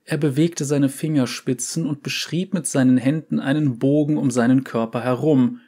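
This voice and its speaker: A man narrating a fantasy story in a measured, deliberate reading. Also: medium pitch, steady tone, dark tone, breathy edge.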